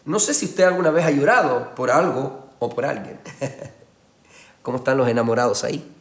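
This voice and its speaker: A man preaching a sermon as pastor, emphatic, moving between hushed passages and loud raised ones. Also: medium pitch, normal speed. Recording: roomy echoey church sound.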